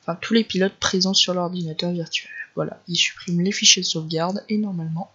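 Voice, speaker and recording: A man's voice: high-pitched, steady tone, brisk, bright, forceful tone, slightly rough. Ch'ti-accented man, dull lo-fi tutorial. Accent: Northern French (ch'ti). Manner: informal, loose step-by-step explaining. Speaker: tech tutorial creator. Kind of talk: casual screen-recorded tutorial narration. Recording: dull lo-fi home recording.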